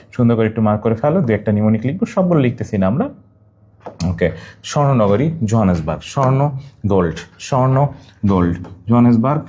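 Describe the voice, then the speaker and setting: A man's voice: lowish voice, dark tone, slightly rough. A man from Bangladesh teaching a general knowledge class, repeating each item over and over and telling students to write down memory tricks. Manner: asks students questions and tells them to write things down.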